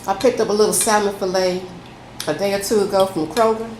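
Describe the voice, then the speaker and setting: A woman food vlogger chats casually with viewers while eating in a folksy mukbang, calling them y'all. Her mid-range, slightly mellow voice has fairly even intonation and a fairly quick pace. The room is echoey, with faint background noise.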